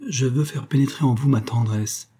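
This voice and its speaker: A man's voice: mid-range voice, moderate pace, warm tone, breathy edge, natural voice. A man reading an audiobook, voicing an ardent young man who murmurs passionate declarations. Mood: fervent.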